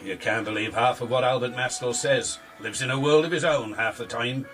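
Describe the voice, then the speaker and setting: An actor playing a grumpy, sarcastic middle-aged police sergeant in a radio drama, gruff and bossy. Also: male voice, mid-range voice, moderate pace, a bit bright, faint music behind, lightly acted.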